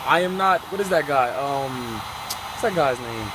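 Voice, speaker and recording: A man's voice: on the high side, animated, measured pace, a crowd in the background. A young man co-hosting a car video, joking and hyping in a playful, bantering way. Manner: playful, hyping, asks for likes. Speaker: co-host. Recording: noisy background with vehicle sounds.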